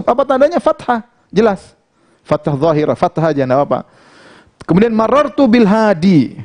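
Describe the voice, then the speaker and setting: Lively Indonesian male grammar teacher. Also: a little high. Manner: lively, quizzing himself with questions and answers; chanting example phrases slowly. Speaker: Islamic teacher. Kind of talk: Arabic grammar lesson.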